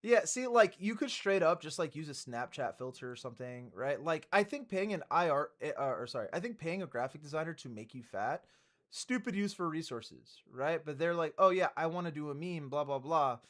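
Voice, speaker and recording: A man's voice: on the high side, very animated, normal speed. A man giving casual, rambling reaction commentary on music news as a streamer, swearing and laughing often.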